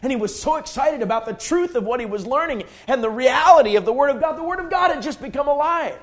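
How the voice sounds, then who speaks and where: High-voiced fervent preacher man. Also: animated, fast talker, a bit bright. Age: 40s. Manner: fervent, emphatic preaching with repetition. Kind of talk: sermon.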